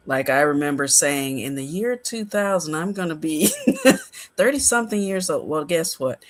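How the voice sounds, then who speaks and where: A man in his sixties speaks a little higher than most men. He explains things in an easy, conversational way, as a co-host of a casual podcast. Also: a bit bright.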